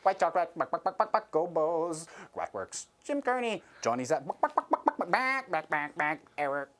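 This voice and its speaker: A man's voice: on the high side, sing-song, moderate pace, a bit bright. A man voicing a glitching robot making chicken noises, repeating clipped syllables in a stuttering loop broken by error chatter. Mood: glitchy. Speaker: tabletop wargame player. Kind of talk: silly bit on a game stream.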